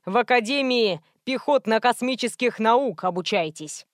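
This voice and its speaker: A woman's voice: on the high side, lively intonation, moderate pace, dry recording, studio quality, close to an everyday voice. A woman playing a clowning prankster guy. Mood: teasing. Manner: playful, clowning. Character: joking, teasing male friend, a prankster.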